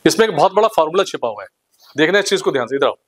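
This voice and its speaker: A young man leads a live seminar for a hall of students, with a somewhat high voice. He is energetic and teasing, barking orders at the crowd and poking fun at their answers. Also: rapid-fire. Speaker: motivational speaker.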